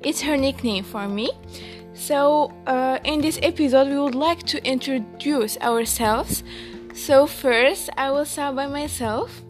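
A young woman from Morocco talks slowly in a relaxed podcast chat, her voice sitting fairly high. She laughs easily and fills her pauses with "uh" and "um". Soft music plays faintly behind her. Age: late teens. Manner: slow, giggly, many fillers and restarts. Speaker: podcast co-host. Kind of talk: casual chat.

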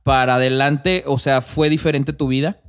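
A man's voice: medium pitch, fairly even intonation, normal speed, fairly bright tone, clear, resonant tone. A man hosting an interview, attentively summing up and asking follow-up questions. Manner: attentive, sums up the guest's words. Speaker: host. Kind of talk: casual interview chat.

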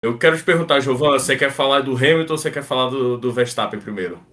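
A man's voice: medium pitch, fast, fairly bright tone, far from the mic. A man with a Brazilian accent hosting a casual sports podcast chat. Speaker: podcast host.

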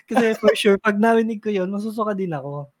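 A man's voice: high voice, quick pace, dry recording. A young man in casual chat with a friend, chiming in with details and laughing along as he recalls.

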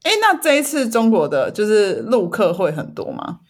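A woman's voice: mid-range voice, sing-song, moderate pace. A woman from Taiwan with a Taiwanese Mandarin accent, hosting in a casual chatty way and dropping in the odd English word. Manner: drops English words into Mandarin. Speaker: podcast host. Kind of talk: casual chat.

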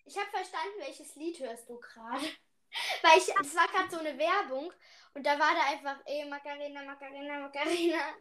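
A woman's voice: sits high, moderate pace, crowd noise. A woman in casual, playful chat, asking questions as a partner in a challenge.

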